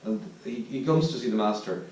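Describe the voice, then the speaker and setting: A man's voice: animated, brisk, darkish tone. Irish man teaching in an echoey hall. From Ireland. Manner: reflective, searching for words, low-key. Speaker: Zen teacher giving a dharma talk. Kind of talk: dharma talk at a retreat. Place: meditation hall at a retreat centre. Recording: distant mic in a very echoey room with faint noise.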